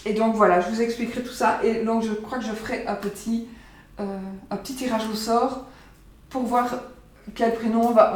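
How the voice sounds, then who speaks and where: A psychic vlogger, slightly high-voiced and a little mellow, casually introduces her oracle cards to viewers from her kitchen at home. She rambles, repeats herself, and uses plenty of fillers, and the recording sounds roomy and far off the mic.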